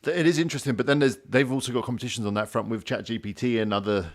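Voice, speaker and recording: A man's voice: medium pitch, rapid-fire. A man hosting a casual livestream group call in an easygoing, conversational way. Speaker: livestream host.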